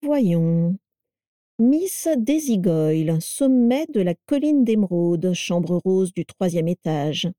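A woman's voice: fairly low pitch, sing-song, slow, dry recording, clean studio sound. Woman reading as a placid, self-assured old mother. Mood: breezy. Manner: placid, breezy, gently mocking. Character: cheerful, self-assured elderly mother who keeps strange animals.

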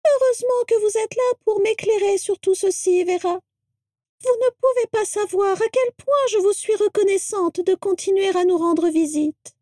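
A shrill old portrait witch. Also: dark tone, no room sound, studio quality. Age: older. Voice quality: shrill, rattling voice. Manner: anxious, scolding, grateful.

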